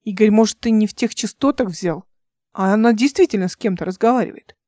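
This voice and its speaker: A woman's voice: mid-range voice, brisk, warm tone, no room sound, clean studio sound, close to an everyday voice. A woman reading an audiobook voices a young male captain who speaks in a clipped, insistent way. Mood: tense.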